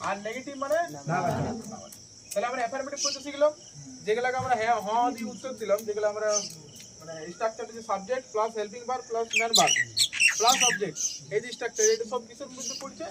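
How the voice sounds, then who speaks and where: A man's voice: very high voice, very fast, recorded from a distance. A male English teacher giving a classroom grammar lesson, drilling students with repeated check questions and mixing English examples into casual speech. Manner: casual familiar address to students. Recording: loud background noise with insects.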